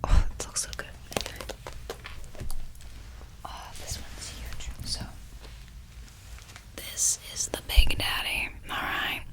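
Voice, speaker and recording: A woman whispers in a breathy voice, chatting in a casual, rambling, slangy way for ASMR. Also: slow pace, pauses often, poor audio. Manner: informal, slangy, sweary, rambling. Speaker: ASMR video host. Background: nail tapping and page fluttering.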